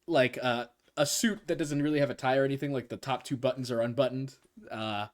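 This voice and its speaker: A man's voice: medium pitch, steady tone, a little fast. A young man running a tabletop game as game master, narrating loosely with fillers and chuckles.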